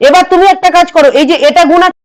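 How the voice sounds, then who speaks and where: A hoarse woman with a West Bengal Bengali accent, a math tutor giving an exam-prep lesson who repeats each step and coaxes students along. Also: very high-pitched, steady tone, rapid-fire, rough recording. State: hoarse from a cold.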